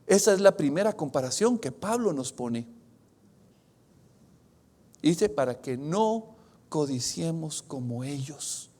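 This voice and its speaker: High-voiced preaching man, loud then hushed. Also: expressive. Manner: swings from loud emphatic bursts to hushed, drawn-out phrases; confessional and earnest, reads scripture aloud. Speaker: pastor. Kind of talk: sermon.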